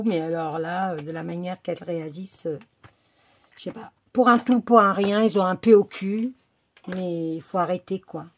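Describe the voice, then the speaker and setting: A French woman runs an easygoing card-making tutorial from her home, muttering to herself as she works with many fillers and restarts. Her somewhat low voice is a little mellow, and a phone or camera filming her work table does the recording.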